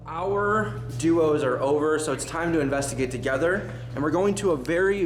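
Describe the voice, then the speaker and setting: A man explaining a paranormal investigation to viewers as its narrator. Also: mid-range voice. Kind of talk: explaining a ghost hunt to viewers. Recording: roomy echo, faint background noise.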